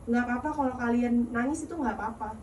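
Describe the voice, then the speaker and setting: A woman's voice: a little high, fast talker, a little hiss or hum. A nervous young woman, earnestly sharing a personal testimony at a youth service in a large church hall. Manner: earnest, gentle, encouraging. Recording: echoey hall, voice far from mic.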